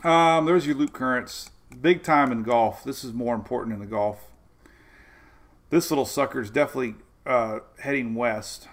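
A man's voice: medium pitch, normal speed. A man hosting a live weather stream, chatting loosely about the tropics, greeting viewers by name and laughing often. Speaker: weather show host. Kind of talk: live-streamed weather talk reading chat.

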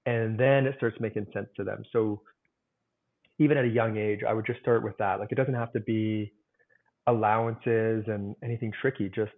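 A man's voice: lowish voice, fairly even intonation, normal speed. A man being interviewed as a guest author, explaining earnestly with simple examples and many "like"s. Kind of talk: conversational interview. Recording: tinny phone-like remote call audio.

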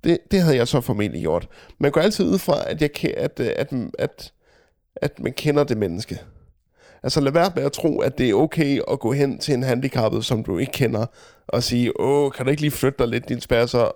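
A man in casual chat, telling a story in a dry, joking way with a gravelly voice. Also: medium pitch, lively intonation, a little mellow.

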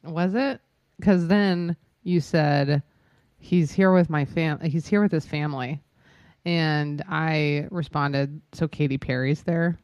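A woman's voice: low voice, darkish tone, no echo, dull audio. A woman co-hosting a podcast, teasing and correcting her co-host in casual chat. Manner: teasing, laughs often, quick corrections.

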